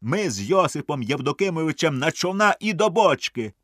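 Lively man reading a comic tale. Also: on the high side, brisk, no room sound, clean studio sound. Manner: lively, wry comic storytelling. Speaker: storyteller. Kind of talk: reading a humorous story aloud.

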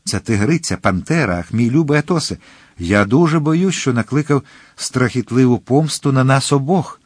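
Frantic young swordsman, earnest, higher than the reader's own voice, put on by a male narrator. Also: expressive, moderate pace, breathy edge, dry recording, clean studio sound. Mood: urgent. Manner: urgent, pleading.

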